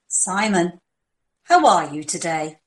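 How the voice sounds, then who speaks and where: In a scripted audio drama, a woman plays a doctor who directs covert operations. She sounds calm and businesslike, speaking seriously and with measure, and her voice is on the low side.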